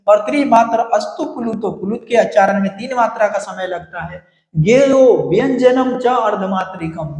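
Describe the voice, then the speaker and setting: Guy teaching sanskrit for exam prep, calls students kids, asks and answers his own questions, fairly high voice. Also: darkish tone. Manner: chants Sanskrit verses slowly. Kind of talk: online exam-prep lecture. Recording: echoey room with long reverb.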